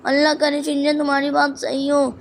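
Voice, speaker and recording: Scaredy little cartoon boy, woman doing it, high voice, worried and pleading all the time. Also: monotone, brisk, vocal fry, a little hiss or hum. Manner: worried and pleading, calls out to his friend. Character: timid anxious cartoon boy, easily scared crybaby. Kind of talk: voicing cartoon characters over gameplay.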